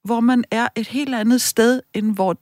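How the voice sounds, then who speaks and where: Animated, laughing woman radio guest. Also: a little high, dry recording, studio quality. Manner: animated, laughs often, lists ideas quickly. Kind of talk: lively radio talk.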